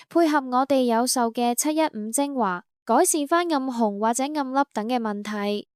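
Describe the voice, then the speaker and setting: Smooth, dry woman's tutorial voice-over. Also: high voice, no echo. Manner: even, promotional, step-by-step reading. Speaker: beauty salon instructor. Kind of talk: scripted instructional voice-over.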